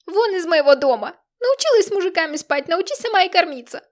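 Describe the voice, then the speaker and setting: A shrill, furious mother screaming at her daughter, her voice high and piercing, as a woman narrator puts her on. She scolds in loud, pitched-up bursts, as in a dramatic audiobook. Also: expressive, slow. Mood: shrieking. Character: shrieking furious middle-aged mother.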